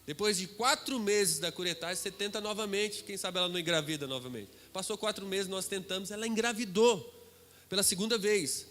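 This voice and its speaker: A middle-aged man with a Brazilian accent, a guest preacher telling a dramatic testimony that swings between loud and hushed. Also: high-pitched, brisk. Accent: Brazilian Portuguese. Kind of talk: testimony sermon. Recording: reverberant hall with music behind.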